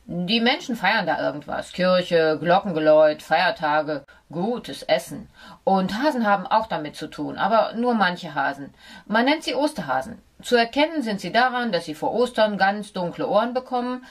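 A gruff male dog from a children's storybook, as a woman reader puts him on, speaking in a lowish, firm voice. He explains things in a lecturing, slightly superior way, as if everyone ought to know already. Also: lively intonation, normal speed. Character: know-it-all male dog, a bit condescending. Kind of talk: audiobook character voice.

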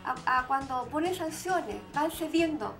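Woman, high voice, TV panelist who explains and checks in with the others, music under the studio. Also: lively intonation, measured pace, a bit bright. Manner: explanatory, with frequent "¿cierto?" tags. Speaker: panelist speaking on parenting. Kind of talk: casual TV panel chat.

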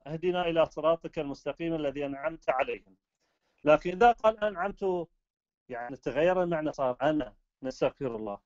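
A man's voice: fairly high pitch, darkish tone, dry recording, lo-fi sound. A man with an Iraqi Arabic accent lecturing on the rules of recitation, explaining step by step and answering his own rhetorical questions.

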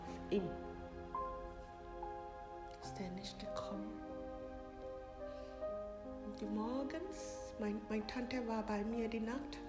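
Slow, halting middle-aged woman in a roomy space. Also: a little high. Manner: halting, searching for words in non-native German. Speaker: interviewee, mother of the host. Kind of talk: personal account in an interview. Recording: roomy sound with background music.

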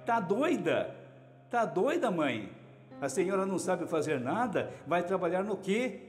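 A man's voice: sits high, very animated, measured pace. A man voicing an exasperated adult daughter who pleads with her mother and fires scolding questions. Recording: echoey hall with music underneath.

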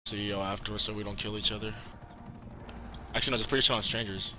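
A man's voice: on the low side, flat delivery, fast, a crowd in the background. A young man chatting while gaming, giggling and mocking his friends' voice cracks. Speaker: gamer. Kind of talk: casual chat while gaming.

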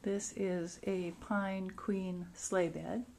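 A vacation rental host with a lowish, slightly mellow voice walks through the house, describing rooms in brief phrases. Her delivery is flat and she draws out her words. The audio, taken indoors with a handheld camera's built-in mic, is noisy.

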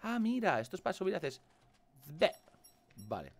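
A man with a Spain Spanish accent commenting on a game he plays, animated and swearing, with mock-dramatic outbursts. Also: high-pitched, normal speed, creaky. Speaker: gaming video host. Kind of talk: casual gameplay commentary.

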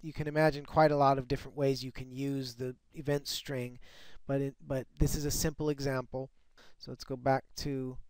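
A man walking through a screen-recorded software tutorial, often restarting and repeating words as he explains. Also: medium pitch, little pitch movement, moderate pace, few pauses, clean tone, dry recording. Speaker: software developer demonstrating his tool.

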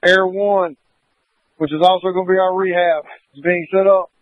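A man's voice: high voice, flat delivery, normal speed, no echo. A male firefighter giving clipped fireground traffic over a two-way radio, repeating key phrases. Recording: tinny two-way radio transmission.

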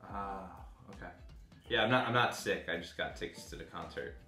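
Young man, prank caller: very varied pitch, earnest and apologetic, roomy sound. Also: expressive, moderate pace, pushed and bright, faint music behind. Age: young adult. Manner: earnest, apologetic delivery of absurd excuses. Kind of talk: casual prank phone calls and chat. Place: dining room at home.

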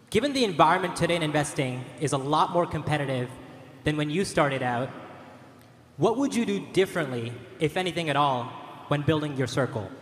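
A man from Canada, speaking a bit high, poses a carefully prepared question. His polite, formal delivery echoes around a large hall. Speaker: audience questioner. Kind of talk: prepared question read aloud. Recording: roomy hall.

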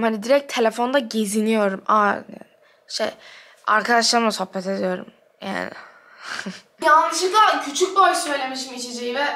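A woman's voice: medium pitch, fairly bright tone. A young woman vlogging in casual chat to the camera, blunt and self-mocking, swearing freely as she rambles about her day. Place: at home and out and about.

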